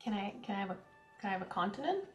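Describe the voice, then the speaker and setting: A woman's voice: medium pitch, big pitch swings, racing, echoey room, soft background music. A young woman from Canada with a central Canadian accent, chatting casually with her viewers while playing a farming game. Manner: chatty, reads chat aloud, giggly asides. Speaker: streamer. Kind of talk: casual gameplay chat.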